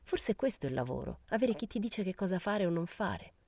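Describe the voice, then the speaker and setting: A woman's voice: lowish voice, sing-song, brisk, a little mellow, slightly rough, dry recording, pitched above the performer's own voice, heavily acted. A woman voicing a withdrawn, stubborn young woman of twenty-three in an audiobook reading, curt and angular. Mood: earnest. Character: withdrawn 23-year-old woman, stubborn and brittle.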